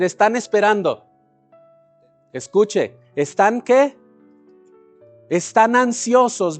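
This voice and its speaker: Preaching in a high, light voice, this man explains passages of scripture, asks the congregation questions and supplies the answers himself. He calls on listeners to repeat phrases back, while gentle music plays faintly in the background.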